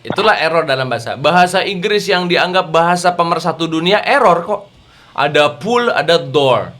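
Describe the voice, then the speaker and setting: A man teaching a youth religious class over a video call, playful and animated, quizzing his listeners as he talks. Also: a little high, moderate pace. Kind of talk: lively lecture to teens.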